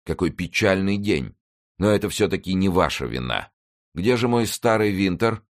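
Guy reading as a dignified defeated king, calm and sad, a bit higher than his own deep voice. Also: normal speed. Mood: dignified sorrow.

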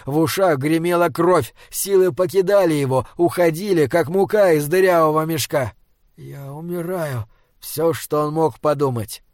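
A man reading a story aloud as an audiobook narrator, in a steady storytelling manner. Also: fairly high pitch, no echo, studio quality. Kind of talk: scripted narration.

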